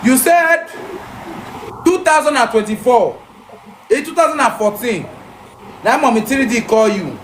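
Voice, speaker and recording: High-pitched Nigerian man questioning in Pidgin. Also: expressive, measured pace, pauses often. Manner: speaks Nigerian Pidgin mixed with English; insistent, repeats phrases. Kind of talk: questioning on a social media live. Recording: echoey room with faint background noise.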